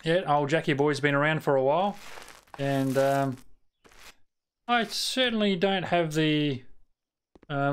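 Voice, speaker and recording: Playing a game live, an Australian man with a voice on the high side talks casually to viewers, rambling through fillers and false starts and grumbling at the game.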